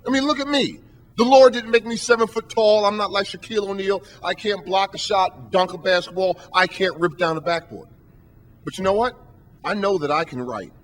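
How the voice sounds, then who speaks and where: A man giving a motivational speech from a podium, emphatic and preacher-like, driving his points home with rhetorical questions. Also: high-pitched. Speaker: motivational speaker and professor. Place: stage at a podium.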